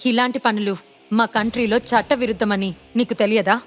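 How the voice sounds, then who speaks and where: A woman's voice: a little high, fairly even intonation, moderate pace, faint music behind, natural voice. A woman voicing a young married woman who speaks seriously and warns in a storybook audio drama. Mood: stern. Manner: serious, warning. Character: stern young married woman standing up to a villain.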